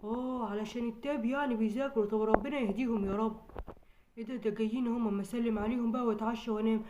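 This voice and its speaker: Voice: medium pitch, steady tone, very fast, background noise, lightly acted. A performer with an Egyptian accent playing a cheerful, chatty family father in a home skit. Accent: Egyptian Arabic.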